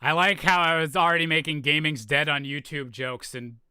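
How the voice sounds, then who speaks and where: A man with a Canadian accent giving casual reaction commentary, rambling and halting, interrupting himself. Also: fairly high pitch, steady tone, sharp tone, clear, resonant tone, dry recording, clean studio sound. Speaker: YouTuber reacting to his old videos.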